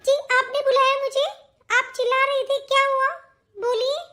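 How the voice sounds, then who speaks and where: A woman voicing a timid, meek young bride in a cartoon, talking softly and pleading. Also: very high voice, flat delivery, moderate pace. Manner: pleading, apologetic, soft. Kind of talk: cartoon voice acting.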